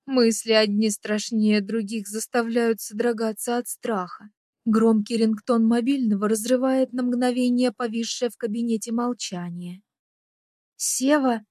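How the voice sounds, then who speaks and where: Woman reading an audiobook in first person, emotional, kinda high voice, dry close mic. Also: fairly even intonation, moderate pace, a little mellow, dry recording. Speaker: audiobook narrator.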